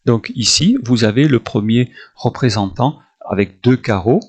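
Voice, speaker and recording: A man's voice: medium pitch, moderate pace, a little mellow, slightly rough. A man, a math teacher, correcting homework exercises on screen and counting grid squares aloud as he works through each step.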